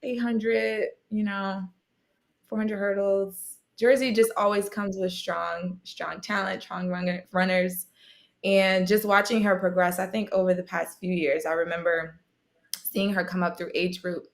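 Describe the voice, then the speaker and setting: A woman's voice: mid-range voice, a little slow, gravelly. A young woman athlete chatting as a guest, telling stories with lots of laughter. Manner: animated storyteller, laughs often. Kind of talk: casual chat.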